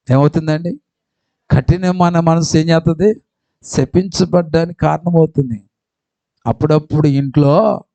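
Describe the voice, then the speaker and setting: A man with a Telugu accent preaching a sermon as pastor, emphatic, quizzing the congregation and swinging between loud calls and quiet asides. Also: fairly high pitch, no room sound, dull audio. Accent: Telugu, Andhra. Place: church hall.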